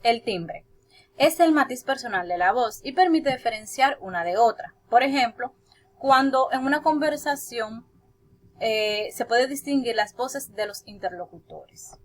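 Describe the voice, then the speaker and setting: A young woman in training to teach presents to her class in a steady, explanatory way. Her voice sits a little high, and she stops for brief hesitant fillers between points. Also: measured pace.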